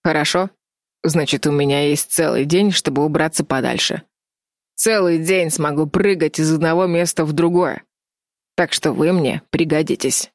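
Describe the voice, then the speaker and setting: A woman voicing a cold, sneering young man in an audiobook, speaking slowly and mockingly with quiet menace. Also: deep voice, dry recording, clean studio sound. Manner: mocking, slow and cruel. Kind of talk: audiobook character voice.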